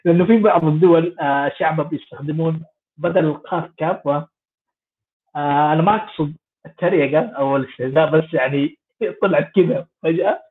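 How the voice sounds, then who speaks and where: A man's voice: on the high side, fairly quick. A man giving sarcastic, mocking political commentary in a rambling way. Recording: tinny phone-like audio.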